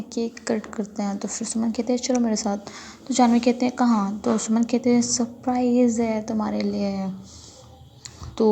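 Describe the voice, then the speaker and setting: A woman telling a story in a quick, chatty way, stringing events together loosely. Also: a little high, vocal fry, dark tone, slight background noise. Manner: quick, chatty retelling with frequent "to" connectors. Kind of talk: casual spoken storytelling.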